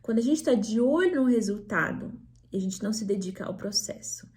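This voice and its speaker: A woman's voice: mid-range voice, lively intonation, fairly quick, darkish tone. A Brazilian woman speech therapist giving an educational talk to parents, in a didactic style that often checks in with "né?" and "tá?". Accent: Brazilian Portuguese. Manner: didactic, frequent "né?" and "tá?" tag questions.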